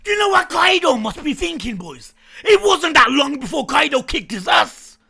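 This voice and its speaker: A young man with a raspy, creaky voice doing excited live reaction commentary in slangy, hyped-up bro talk that bursts into shouting. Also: very high-pitched, moderate pace. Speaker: YouTube anime reaction host.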